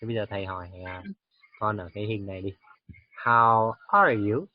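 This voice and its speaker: A man teaching English to a child, patient and coaxing, slowly repeating words to model how they sound. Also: sits low, flat delivery, no room sound. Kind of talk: one-on-one English lesson for a child. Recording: dull, dry lo-fi recording.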